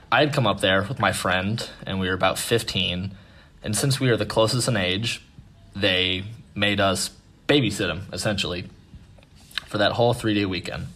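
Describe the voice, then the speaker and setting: A man with a fairly low voice telling a ghost story the way you'd tell it to friends. He is relaxed and self-mocking, with swearing thrown in. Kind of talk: casual spoken ghost story.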